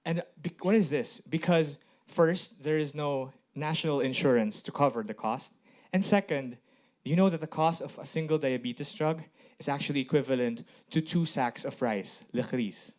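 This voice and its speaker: A man's voice: a little high, measured pace, darkish tone. A man from the Philippines giving a public presentation in short phrases, often posing rhetorical questions. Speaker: IT director presenting as a speaker.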